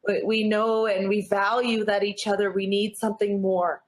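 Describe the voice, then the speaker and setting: Her medium-pitched voice has a flat delivery at normal speed. She's a Canadian interview guest, a natural athlete born in Newfoundland who grew up in Nova Scotia, speaking earnestly and encouragingly in a motivational chat.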